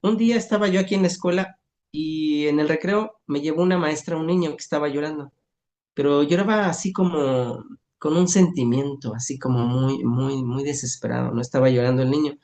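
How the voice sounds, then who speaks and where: A school counselor talks in a calm, soft-spoken way and often adds small tag questions. The voice is dark and mellow, and the speech is unhurried. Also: medium pitch. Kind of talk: calm explanatory talk and storytelling.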